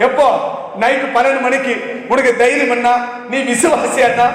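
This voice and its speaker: A man's voice: extremely high pitch, level tone, moderate pace, fairly bright tone. A man preaching a sermon to a congregation, firing off rhetorical questions one after another. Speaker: pastor. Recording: echoey hall reverb.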